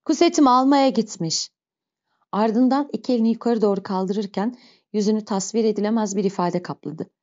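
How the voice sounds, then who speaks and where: Mellow-voiced woman narrating an audiobook. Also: medium pitch, fairly even intonation. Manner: slow, measured storytelling. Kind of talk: audiobook reading of a novel. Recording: dull lo-fi recording.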